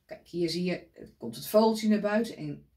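A woman reading a picture book aloud to children, gently pointing out the pictures as she goes. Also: lowish voice, animated, normal speed.

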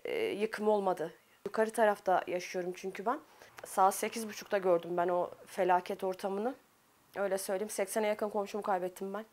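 A woman in her forties from Turkey, a business owner giving an earnest, reflective interview testimony, pausing often with fillers. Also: mid-range voice.

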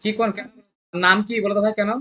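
Coaching-centre math tutor, mid pitch, rapid, drills students with constant questions. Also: steady tone, pushed and bright, highs cut off. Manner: coaxing, repetitive. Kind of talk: exam-prep math lesson.

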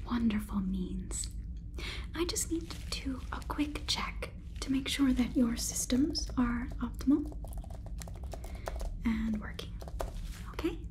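Whispering into a close, sensitive mic in a small room, a twentysomething ASMR artist plays a courteous, inquisitive AI robot overlord. Her high voice comes out soft, halting and deliberate, and there's noticeable background noise.

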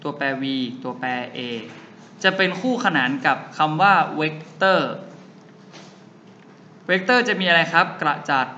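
Bright-voiced male physics tutor quizzing students. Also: fairly high pitch, muffled recording. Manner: quizzes students with quick rhetorical questions. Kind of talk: classroom lecture. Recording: faint background noise.

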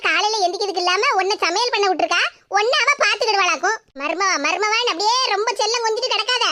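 A meddling older village gossip with a very high, piercing voice and a Tirunelveli Tamil accent, played by a woman. She scolds and sneers with a bright, cutting edge, in cartoon style. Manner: scolding, gossiping, sharp-tongued. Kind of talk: cartoon voice acting.

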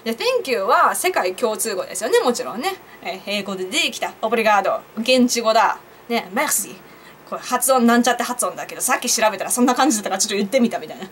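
A woman's voice: a little high, big pitch swings, racing, few pauses, a bit bright, slight background noise. A young woman vlogger chatting on her own to viewers, laughing at her own jokes and asking them questions. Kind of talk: casual solo commentary to camera.

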